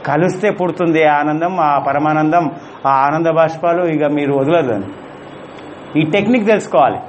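High-voiced laughing male spiritual teacher. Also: slight background noise. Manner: playful, laughing, keeps asking the audience questions. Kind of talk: spiritual talk to a class.

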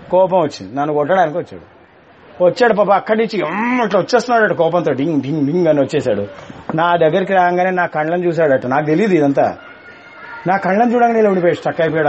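A man's voice: a little high, expressive, fast, long pauses, a little mellow, highs cut off, a little hiss or hum. A man teaching a class on spirituality, talking in a colloquial, teasing way and dropping English words into his speech.

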